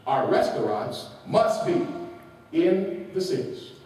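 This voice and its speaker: Reading quotes and citing their page numbers, a preacher asks rhetorical questions that the congregation calls back to in a call-and-response sermon. His voice sits high, sing-song, slow, and dark in tone. It is captured from a distance in a large, echoey church hall.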